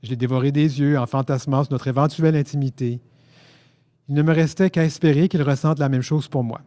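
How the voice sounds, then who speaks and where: A man from Quebec with a Québécois French accent, reading his own first-person story aloud at a book fair in a lively, self-mocking, theatrical way. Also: medium pitch, brisk, dry recording. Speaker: author reading his novel.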